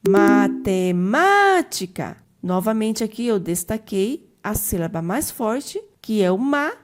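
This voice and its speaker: A woman teacher, giving an online grammar lesson step by step and slowing down to stress each example word. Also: mid-range voice, animated, darkish tone. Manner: methodical, slowly stressed example words.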